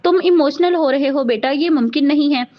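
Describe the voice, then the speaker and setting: A woman reading the lines of a gentle, worried older father who speaks softly. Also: sits high, moderate pace, close to an everyday voice. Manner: soft, consoling. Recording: dull lo-fi audio.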